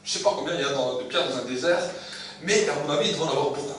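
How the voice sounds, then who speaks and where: A man with a rather high voice preaches a sermon in a very echoey room, far from the mic, with faint noise behind him. He tells it as a story, repeating phrases for emphasis. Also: rapid-fire, a bit bright.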